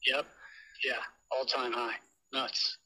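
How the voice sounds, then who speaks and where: A man's voice: medium pitch, little pitch movement, bright, forceful tone, rough recording. Older man over a speakerphone. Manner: halting, with many "uh"s, plain-spoken. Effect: heard over a phone on speakerphone. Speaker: caller, host's father. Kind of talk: casual phone call.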